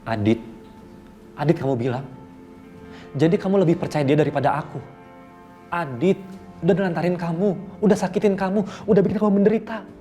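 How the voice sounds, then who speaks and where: Fast-talking young guy played by an actor, mellow voice, dodgy and stressed, begs her to drop it. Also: a little high, faint music behind, natural voice. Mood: evasive. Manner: evasive, pleading, exasperated. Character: young man evasive, stressed, secretive boyfriend. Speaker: actor in a TV drama. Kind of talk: TV soap drama acting.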